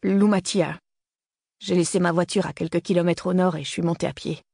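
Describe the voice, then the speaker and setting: Narrator plays a nervous teen stoner hiker, mumbling slang, pitched up, dry. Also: male voice, steady tone, a little fast, vocal fry, a little mellow, slightly rough, no echo, exaggerated voice. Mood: defensive.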